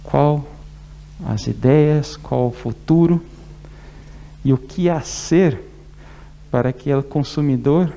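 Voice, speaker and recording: A man's voice: medium pitch, slow, vocal fry, pauses often, mellow, highs cut off. A man with a Brazilian Portuguese accent hosting a public presentation and introducing speakers. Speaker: event host introducing speakers. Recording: noticeable background noise.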